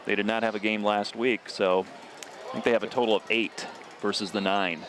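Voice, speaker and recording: A man calling a local high school football game play-by-play as the regular announcer. He talks steadily and climbs sharply on scoring plays. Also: steady tone, fairly quick, a bit bright, slight background noise.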